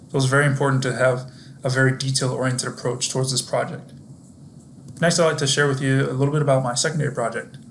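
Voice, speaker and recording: A man's voice: mid-range voice, slight background noise. A young man presenting his internship work in a scripted video, explaining things to viewers directly in an upbeat, friendly way. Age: young adult.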